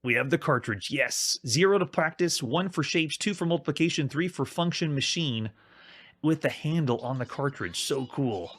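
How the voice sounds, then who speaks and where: Young male streamer, upbeat casual commentary, voice sitting a touch high. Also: expressive, moderate pace, a bit bright, husky. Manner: enthusiastic, chatty, frequent laughs. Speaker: gaming stream host.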